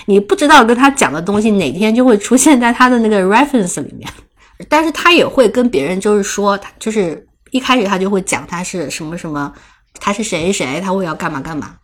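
Young woman telling a lively story. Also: medium pitch, fairly quick. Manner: lively, laughs often while telling a story. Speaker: podcast co-host. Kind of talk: casual storytelling chat.

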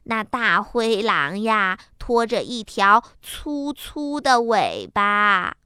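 A woman voicing a kind old goat who speaks slowly and gently. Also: medium pitch, sing-song, clean tone, dry recording, studio quality, full character voice. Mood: cautioning. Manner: slow, drawn-out, bleating.

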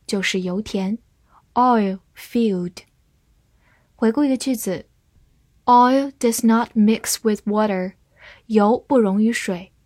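Slow, measured woman teaching vocabulary. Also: a little high, a little mellow, no room sound. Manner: slow, measured spelling and example reading. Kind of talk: scripted vocabulary lesson.

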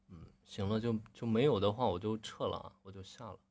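Male voice coach, low and husky, keeps clearing his throat while giving live-stream critiques. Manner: frequent throat clearing, relaxed corrective tone.

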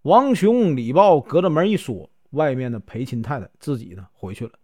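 A man with a Northeastern Chinese accent telling a traditional story in a chatty, lively way. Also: medium pitch, moderate pace. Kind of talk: storytelling narration.

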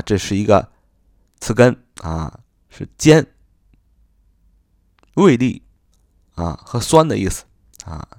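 A man teaching English vocabulary in Chinese, slowly repeating each word and spelling it out letter by letter, speaking English with a Mandarin Chinese accent. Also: fairly low pitch, dry recording, studio quality. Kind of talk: spoken vocabulary lesson.

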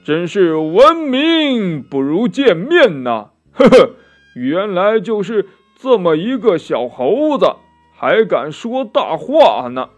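A man putting on a booming, scornful rhinoceros demon king from a children's storybook, his voice swooping wildly up and down and rolling out slowly. Faint music plays behind him. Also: very animated, full character voice. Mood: mocking. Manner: sneering, loud and scornful.

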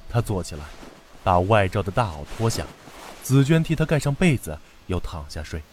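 Expressive man reading a children's story. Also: on the low side, normal speed, slight background noise.

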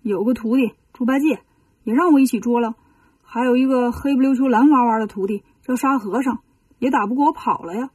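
A woman's voice: fairly high pitch, brisk, darkish tone, husky, dry recording, far from the mic. A woman voicing a sulky, boastful young male alligator demon in a children's storybook reading, whiny and defiant. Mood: careless.

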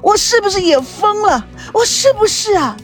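A woman's voice: extremely high pitch, animated, moderate pace, soft background music, voice pushed up. A woman voicing an adult daughter who screams in frantic despair in a hospital room.

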